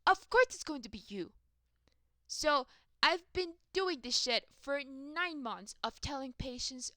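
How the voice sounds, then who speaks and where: A woman's voice: on the high side, bright, forceful tone, clear, resonant tone, dry recording, clean studio sound. A young adult woman in a rambling, profane, self-mocking casual rant about her work. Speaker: vlogger.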